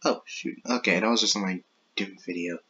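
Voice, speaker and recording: Casual male gaming vlogger, slightly low and husky, self-interrupting, apologetic, muffled home-mic sound. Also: moderate pace, sharp tone. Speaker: YouTube gaming channel host. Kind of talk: casual rambling commentary.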